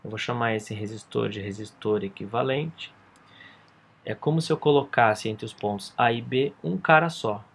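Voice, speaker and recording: A man's voice: mid-range voice, moderate pace, vocal fry, a bit bright, slightly rough. A man teaching a physics lesson, explaining step by step and checking in with his students.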